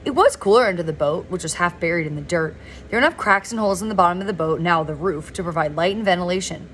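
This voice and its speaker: Lady reading a book out loud, kinda low voice, fixes her own slips, faint hiss behind. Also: quick pace. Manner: relaxed, stumbles and corrects herself, chats aside. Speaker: reader of a novel. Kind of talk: informal read-aloud narration.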